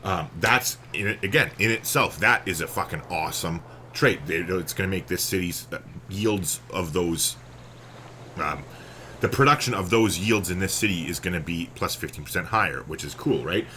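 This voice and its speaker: A man's voice: low-pitched, moderate pace, pushed and bright, slight background noise. A man giving casual, enthusiastic strategy game commentary, chatty and swearing freely.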